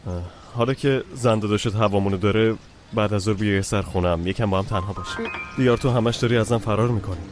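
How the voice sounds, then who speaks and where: A man's voice: lowish voice, music in the background, natural voice. An actor playing a lovesick young man who pleads and coaxes his girlfriend in a TV drama. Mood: coaxing. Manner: pleading, coaxing. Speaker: young lover. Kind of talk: TV drama dubbed dialogue.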